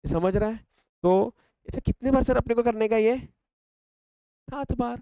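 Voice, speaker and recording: A young Indian man teaches a math class at a moderate pace, his voice fairly high, smooth, and dark in tone. He fires questions at his students and answers them himself, counting steps aloud while working a calculator, and the recording is close and dry.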